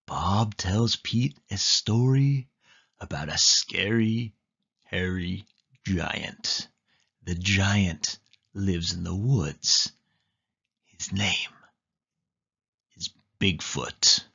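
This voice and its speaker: A man reads a children's picture book aloud in an animated, expressive storytelling style with deliberate phrasing. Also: sits low, vocal fry, breathy edge, muffled recording. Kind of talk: animated read-aloud narration for young children.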